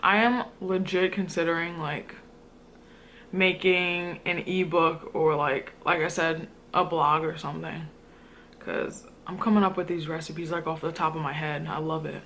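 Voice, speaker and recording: A woman's voice: deep voice, steady tone, unhurried, a bit bright, a little hiss or hum. A young woman chatting casually to her viewers as a food vlogger, in an informal, slangy, rambling way. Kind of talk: casual mukbang chat to viewers.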